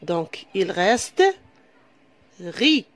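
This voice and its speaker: Speaking on the low side in a sing-song way, a primary school teacher with an Algerian French accent teaches young children to read. She is slow and patient, repeating and quizzing the pupils as the lesson unfolds.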